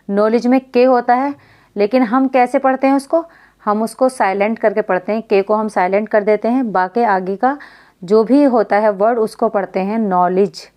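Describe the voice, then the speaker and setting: A woman's voice: a little high, a little mellow. A woman teaching a beginner Urdu reading lesson, spelling out letters and vowel marks and asking questions that she answers herself.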